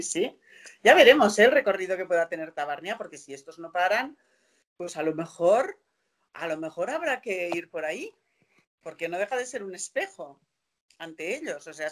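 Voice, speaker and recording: A woman's voice: lowish voice, very animated, moderate pace. An older woman in her sixties, a guest on a video call interview, speaking in a passionate, indignant way full of rhetorical questions. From Spain. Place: room at home.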